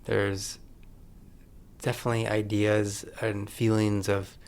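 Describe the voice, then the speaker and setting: A man in his forties, a film director talking as a podcast guest, thoughtful and searching, with pauses and restarts. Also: lowish voice, flat delivery, darkish tone. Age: 40s. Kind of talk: reflective conversation.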